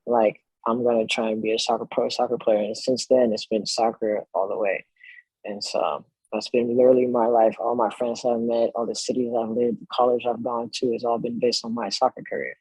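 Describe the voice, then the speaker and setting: Husky-voiced French-born man, relaxed chat. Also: mid-range voice, a little fast, no room sound, low-quality recording. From France. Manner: relaxed, chatty, laughs easily. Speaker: professional soccer player, guest. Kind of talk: casual podcast interview.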